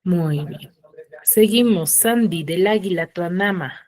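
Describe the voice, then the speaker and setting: A woman teaching an online class with a somewhat low voice and a patient, questioning way of talking. She slows down to sound out syllables, and the recording is dry and close, with no room echo. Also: a little mellow.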